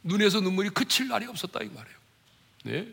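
A male pastor preaching a sermon, dropping to hushed low asides and then rising loud and high as he acts out mockers and urges the congregation. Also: big pitch swings, fast, creaky, slightly rough, long reverb tail.

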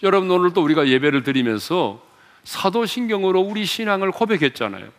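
Male pastor, high-pitched voice, preaching to his congregation in a church with a long hall reverb, asks questions and drops low for emphasis. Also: big pitch swings, brisk. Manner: asks the congregation questions and leads them in reading aloud. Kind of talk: sermon. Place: church sanctuary.

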